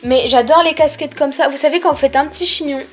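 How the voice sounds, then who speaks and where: A woman's voice: sits high, fast talker, soft background music. A young woman with a lisp on her s sounds, chatting casually and informally as she presents a shopping haul.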